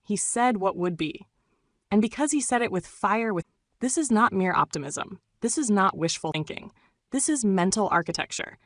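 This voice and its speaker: A woman reading a self-help audiobook in a scripted narration, delivering emphatic, commanding declarations in short, measured phrases. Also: medium pitch, animated, no room sound.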